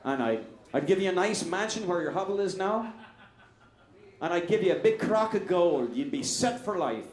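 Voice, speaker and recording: A man's voice: sits high, animated, normal speed, echoey room. A man voicing a sly, bargaining female leprechaun in a told joke, offering deals in a matter-of-fact tone.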